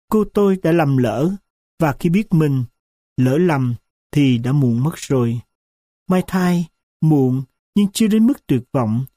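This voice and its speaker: A man narrating a story slowly and solemnly, his voice dark and mellow. The recording is dry and close, with no room behind him. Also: on the high side, dry recording. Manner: slow, solemn and reflective.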